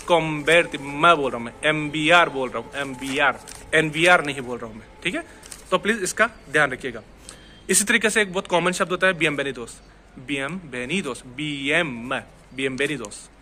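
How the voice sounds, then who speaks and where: A man's voice: on the high side, lively intonation, fairly quick, bright, forceful tone, a little hiss or hum. A young man gives a casual, patient language lesson, repeating words and checking in with his students often. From India. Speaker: Spanish teacher.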